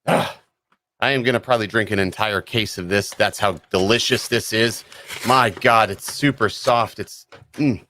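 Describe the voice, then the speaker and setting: A man hosting a casual livestream chat, talking in a playful, rambling way with sudden loud exclamations. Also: on the low side, moderate pace. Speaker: streamer host. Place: home stream setup in Florida.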